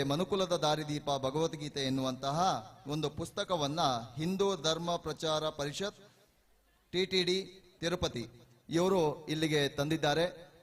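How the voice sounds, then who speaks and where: Formal male announcer with hall reverb. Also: a little high. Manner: formal, ceremonious. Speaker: event announcer.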